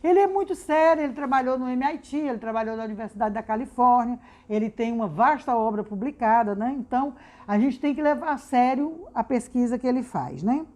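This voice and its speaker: A woman's voice: on the high side, brisk, darkish tone. A Brazilian woman explaining research in an informal educational talk, who ends almost every phrase with a tag question and often restarts and repeats words. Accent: Brazilian Portuguese.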